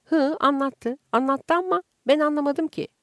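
A woman's voice: high-pitched, normal speed, no echo, pitched above the performer's own voice, close to an everyday voice. A woman voicing a flustered village wife who protests in a raised voice and rural speech, in a dry recording. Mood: defensive.

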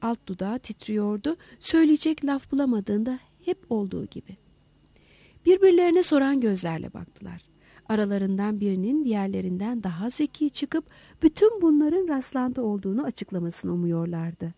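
A woman narrating an audiobook with expressive storytelling. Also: mid-range voice, normal speed, breathy edge, dry recording. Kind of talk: scripted narration.

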